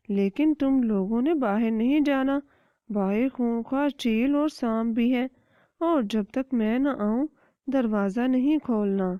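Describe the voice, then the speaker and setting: A woman voicing a caring, anxious mother hen in a cartoon story, explaining things gently and motherly. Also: sits high, clean tone, no echo, pitched above the performer's own voice, lightly acted. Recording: dry, dull lo-fi recording.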